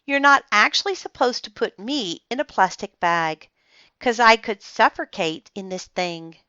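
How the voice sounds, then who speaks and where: A woman's voice: medium pitch, animated, unhurried, sharp tone, no echo, voice pushed up. A woman voicing a small stuffed toy elephant who talks in a mild, reasonable tone, on a slightly muffled dry recording. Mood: matter-of-fact.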